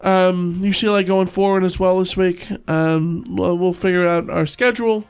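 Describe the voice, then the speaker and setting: A man hosting a sports podcast in casual, halting chat, his voice congested and stuffy from being sick. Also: high voice, steady tone, clean tone.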